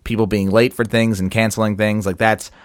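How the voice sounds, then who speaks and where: A man's voice: on the low side, level tone, a little fast, no room sound, studio quality. A man co-hosting a podcast, chatting casually in a joking, rambling way and often restarting his sentences. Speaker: podcast co-host.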